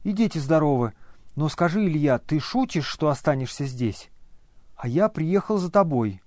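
A man reading a novel aloud and voicing an energetic, resolute grown man who speaks urgently and insistently to an old friend. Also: on the high side, moderate pace, no echo, clean studio sound, natural voice. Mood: insistent, concerned.

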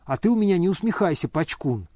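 A man's voice: high-pitched, sing-song, quick pace, mellow, no echo, clean studio sound, voice pushed up. A man voicing an indignant older noblewoman who scolds and exclaims.

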